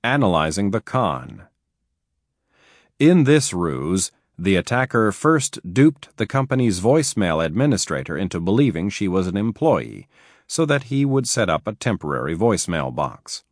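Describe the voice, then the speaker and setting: A man with a very low, deep voice narrating an audiobook about con artists. His reading is emphatic, with lively, wide-ranging intonation that keeps the story moving. The sound is dry and close, with no room echo. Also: normal speed.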